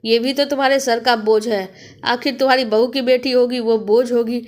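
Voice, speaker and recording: A woman voicing a tall veiled witch from a cremation ground, loud and mocking in a storybook tale. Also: a little high, fairly even intonation, normal speed, lightly acted. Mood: taunting. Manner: loud, cackling, taunting.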